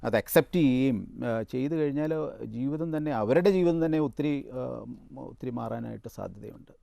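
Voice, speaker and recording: Measured gravelly-voiced male doctor. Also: mid-range voice, warm tone, no echo, studio quality. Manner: slow and measured, many hesitant fillers. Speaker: doctor answering viewer calls. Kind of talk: TV health phone-in.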